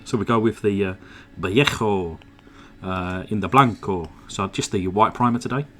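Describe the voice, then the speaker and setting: An English model car restorer narrates his workbench restoration from a home workshop on a desk microphone. His lowish voice is slightly croaky from a sore throat, and he chats in a relaxed way at a moderate pace with plenty of "uh" fillers.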